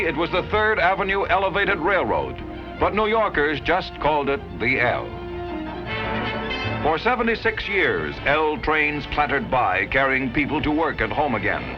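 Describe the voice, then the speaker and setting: 1950s newsreel narrator, man, lively emphatic pitch, dull lo-fi film sound. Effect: old newsreel soundtrack.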